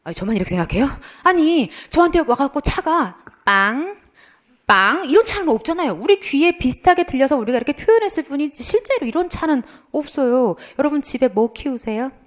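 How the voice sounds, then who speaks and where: Fast and high-voiced with hardly a pause, this middle-aged woman lectures on Korean for exam preparation. She poses questions to her students, answers them herself, and keeps things fun with sound imitations and comic anecdotes.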